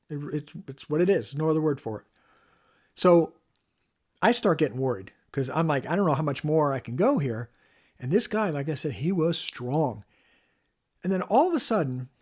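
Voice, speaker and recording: Animated man telling a story. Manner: animated, acts out quoted voices with sharp rises in pitch; conversational, addresses the viewer directly. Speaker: former police officer telling a personal story. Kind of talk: casual first-person storytelling to camera.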